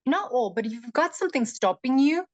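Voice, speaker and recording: A woman born in Russia and raised in Montreal, talking as a neuroscientist guest in a casual podcast interview, animated and quick to laugh. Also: high-pitched, dry recording. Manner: animated, laughs often, chatty with fillers.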